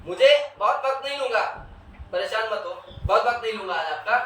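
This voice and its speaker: High-voiced man preaching in echoey hall. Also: animated, pushed and bright, slight background noise. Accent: North Indian Urdu. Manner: asks the audience questions and answers them himself; tells stories with quoted back-and-forth dialogue. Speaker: zakir, religious speaker at a mourning gathering. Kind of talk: Urdu majlis sermon. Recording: echoey hall, voice heard from far.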